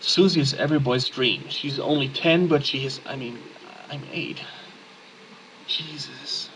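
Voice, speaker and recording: A man's voice: mid-range voice, measured pace, fairly bright tone, a little hiss or hum, low-quality recording. A man playing a text-based game, reading its text aloud and adding casual muttered asides. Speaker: let's play gamer.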